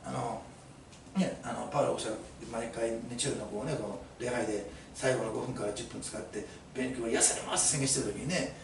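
Picked up by a distant mic in a reverberant church hall, this pastor's medium-pitched voice is brisk and gravelly, with a little hiss or hum. He presses his points emphatically and leans on rhetorical questions.

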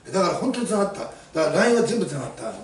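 A man's voice: sits high, very animated, racing. A middle-aged man preaching a sermon as a pastor, telling stories chattily with many fillers. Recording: roomy, mic at a distance, faint hiss.

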